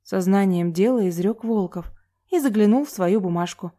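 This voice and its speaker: A woman reading a novel aloud in an even, measured storytelling manner. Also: medium pitch. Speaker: audiobook narrator.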